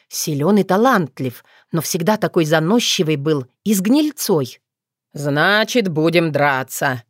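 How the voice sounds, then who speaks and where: Woman narrator, fairy-tale audiobook, measured dramatic telling, lowish voice, dry close sound. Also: no room sound.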